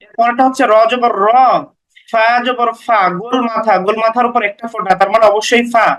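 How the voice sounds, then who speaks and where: A man's voice: very high-pitched, level tone, brisk, a bit bright, rough recording. A man teaching beginners to read the Quran, spelling out each letter and vowel mark syllable by syllable with patient, brief explanations.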